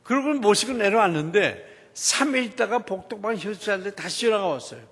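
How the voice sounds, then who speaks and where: A man, a church deacon, giving a lively testimony in a church setting and acting out the dialogue as he tells the story. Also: sits high, brisk, husky, long reverb tail.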